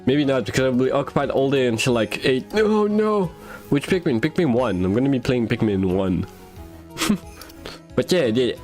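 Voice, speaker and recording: A man's voice: medium pitch, normal speed, a little mellow, soft background music. A man streaming a video game, chatting casually with viewers in a playful way. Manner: playful, swings into silly put-on voices, laughs often. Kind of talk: casual livestream chat while playing.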